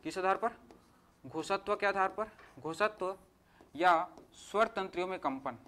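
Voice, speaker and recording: A male teacher giving an exam-prep grammar lesson, asking questions and answering them himself, and sounding out letters slowly one by one. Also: high-pitched, bright, forceful tone.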